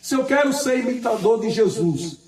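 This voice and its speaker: A man preaching a sermon, repeating his points, asking the congregation for an "Amém", and reading scripture slowly and with emphasis. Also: very high-pitched, expressive, a little mellow, reverberant, distant mic, poor audio.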